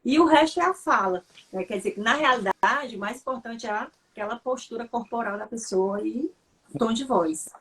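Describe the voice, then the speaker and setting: A woman's voice: a little high, normal speed, fairly bright tone. A woman, explaining things in casual talk and agreeing often. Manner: explanatory, affirming with short agreements. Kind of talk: casual conversation.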